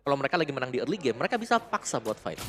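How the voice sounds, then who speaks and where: Quick Indonesian man analysing an esports match. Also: medium pitch, very animated, background noise. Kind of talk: analytical game commentary. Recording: loud music behind the voice. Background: loud background music.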